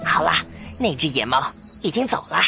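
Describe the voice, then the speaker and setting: A woman's voice: low voice, very animated, normal speed, vocal fry, loud music behind the voice, full character voice. A woman voicing a big, easygoing male field mouse in a children's audio fairy tale, self-assured, chummy and swaggering. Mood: chummy, proud.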